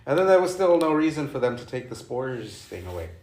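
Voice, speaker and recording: A man's voice: mid-range voice, sing-song, fairly quick, darkish tone. A man hosting a podcast in a casual, chatty style. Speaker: podcast host. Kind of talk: casual chat, showy announcing. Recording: roomy echo with background noise.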